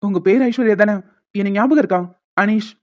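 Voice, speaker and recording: A woman voicing a gentle, teasing young man in a cartoon, coaxing and joking as he talks. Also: mid-range voice, a little fast, highs cut off, lightly acted. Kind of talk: cartoon voice acting.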